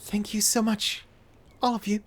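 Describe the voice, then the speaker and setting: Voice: mid-range voice, little pitch movement, moderate pace, slight background noise, pitched above the performer's own voice, lightly acted. Someone voicing a courteous, earnest young woman writer in a video game read-aloud. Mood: grateful.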